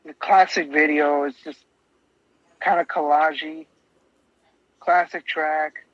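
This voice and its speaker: Man, podcast co-host, higher-pitched and eager, dry and dull lo-fi sound. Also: steady tone, takes it slowly, dry recording. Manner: enthusiastic, rambling with restarts. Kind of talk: casual music discussion.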